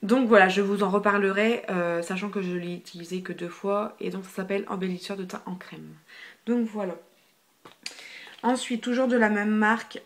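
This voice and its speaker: Young woman rambling about makeup into her phone, lots of euh, goes soft and whispery sometimes. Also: mid-range voice, fairly even intonation, moderate pace. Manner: chatty, filler-heavy, repeats hyper, drops to near whispers. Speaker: beauty vlogger. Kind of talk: casual product haul review. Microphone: phone camera.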